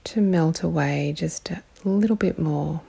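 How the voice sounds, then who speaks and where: A woman leads a guided meditation in a calm, meditative tone. Her low voice is mellow and gravelly, soft and breathy at the edges. She leaves long, unhurried pauses between short phrases.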